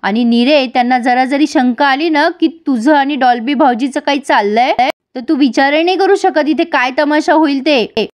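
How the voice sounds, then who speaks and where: A protective young wife from a village TV serial, voiced by a woman storyteller. She scolds in a firm, sharp way. The voice is high. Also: normal speed, hardly any pauses, natural voice. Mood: scolding.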